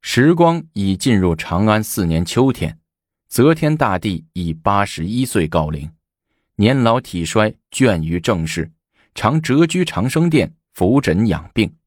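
A man narrating a historical story in an expressive storytelling manner. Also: fairly low pitch, a little slow, dry recording, clean studio sound.

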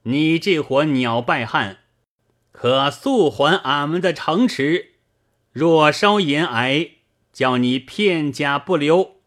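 A man voicing a fierce, boastful enemy general who shouts threats in an audiobook reading. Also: a little high, animated, slow pace. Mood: threatening.

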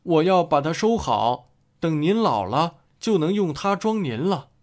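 A man's voice: high-pitched, lively intonation, moderate pace, voice pushed up. A man voicing an earnest, clever young boy who speaks steadily and seriously.

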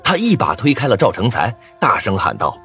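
A man's voice: lowish voice, wildly swooping pitch, fairly quick, a bit bright, husky, faint music behind. A man narrating a first-person thriller story with a dramatic, swinging delivery.

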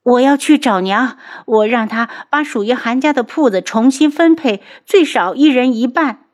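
A woman voicing a quarrelsome, demanding young wife who scolds her husband in a shrill voice. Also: moderate pace, lightly acted. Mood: angry, shrill.

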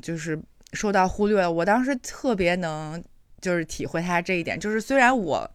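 A woman's voice: fairly low pitch, expressive, moderate pace, clean tone, no room sound, clean studio sound. A woman co-hosting a podcast, talking in a chatty, reflective way with many fillers. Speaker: podcast co-host. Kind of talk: casual chat.

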